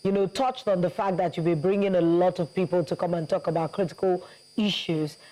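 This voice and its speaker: TV interviewer, halting delivery, rephrases mid-question. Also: mid-range voice, steady tone, mellow, rough recording. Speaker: news interviewer.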